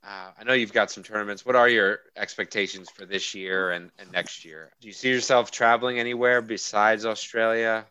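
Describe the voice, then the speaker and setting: A man's voice: on the low side, steady tone, brisk, hardly any pauses, sharp tone, smooth, no room sound, low-quality recording. A man hosting a podcast, asking guests friendly, curious questions. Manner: friendly, inquisitive. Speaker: podcast host. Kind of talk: interview questions.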